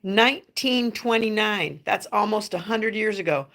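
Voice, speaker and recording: Patient middle-aged mom chatting with kids. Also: female voice, medium pitch, measured pace. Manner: gentle, patient, coaching tone with kids. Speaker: parent hosting a family livestream. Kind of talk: casual chat with children on a livestream.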